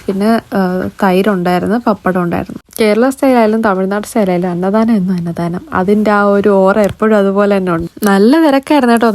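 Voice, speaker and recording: A woman's voice: mid-range voice, a little mellow. A woman vlogger with a Malayali accent narrating casually, mixing some English words into her Malayalam. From Kerala, India.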